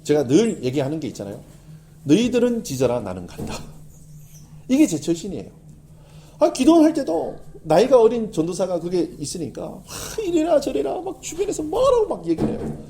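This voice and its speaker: A middle-aged male pastor giving a sermon in an animated, conversational style, with emphatic swings in delivery. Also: high voice, a little fast.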